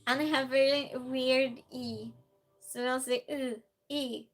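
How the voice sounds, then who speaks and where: A native Norwegian speaker from Norway, with a Norwegian accent, chats on a stream, reading viewers' comments aloud and posing would-you-rather questions. Her voice is high and steady, and she takes her time.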